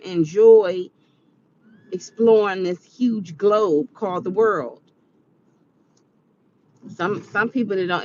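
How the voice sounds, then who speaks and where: A woman's voice: mid-range voice, darkish tone, lo-fi sound, a little hiss or hum. Earnest preachy woman in her forties. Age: 40s. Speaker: vlogger. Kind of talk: casual advice monologue.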